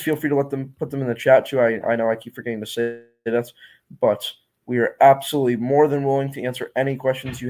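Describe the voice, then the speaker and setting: A man's voice: mid-range voice, darkish tone. Man hosting a live storm-tracking stream. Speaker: livestream weather host.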